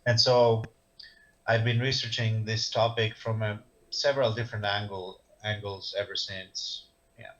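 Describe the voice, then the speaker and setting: Greek-born man in his thirties, interview guest on a video call; bright, tense voice, halting delivery, dull lo-fi audio. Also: on the low side, flat delivery. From Greece. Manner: hesitant, many ums and restarts. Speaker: guest, social psychologist.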